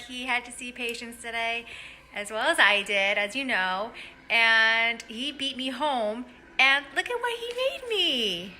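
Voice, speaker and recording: A woman's voice: on the high side, pushed and bright, slight background noise. A young woman, a dietitian, chatting casually and upbeat in a vlog about her day and the food she loves. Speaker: registered dietitian vlogger.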